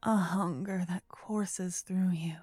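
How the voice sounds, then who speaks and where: A woman softly whispering a second-person ASMR story as narrator. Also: fairly low pitch, fairly even intonation, slow, slightly rough, no room sound, clean studio sound.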